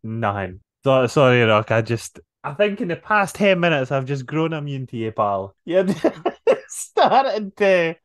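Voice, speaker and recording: A man's voice: fairly high pitch, sing-song, unhurried, hardly any pauses, no echo, studio quality. A man hosting a podcast, casually reacting to clips with rambling, sweary asides. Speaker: podcast host.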